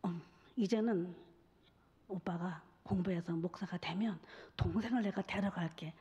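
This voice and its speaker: A woman preacher voicing her earnest older brother, speaking softly and slowly. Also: on the low side, husky, muffled recording.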